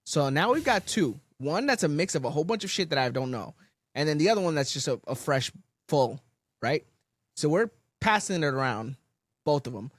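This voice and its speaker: Young New man, podcast co-host, swears and acts out quotes, lively pitch, dry sound. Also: moderate pace, dry recording. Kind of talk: casual storytelling chat.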